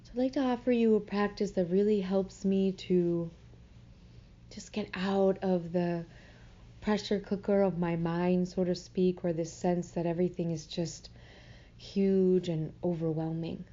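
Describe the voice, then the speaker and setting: On slightly muffled audio, a woman with a fairly low, steady voice guides a meditation. She speaks gently and soothingly, taking her time and leaving long pauses.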